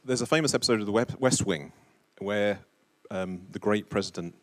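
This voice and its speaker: A man panellist giving a measured closing answer. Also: lowish voice.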